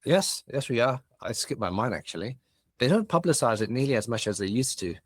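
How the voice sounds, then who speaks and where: In clean studio audio with no room sound, a business founder in his forties from Hong Kong talks freely as a guest on a podcast. He speaks briskly in a sing-song, mid-range voice with a breathy edge, his accent a blend of Australian, British and Cantonese.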